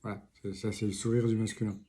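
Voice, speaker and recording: A man's voice: on the low side, little pitch movement, quick pace, warm tone. A man giving a casual card reading, rambling with many fillers, asides and jokes. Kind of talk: casual spoken tarot reading. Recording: noisy home recording with clicks.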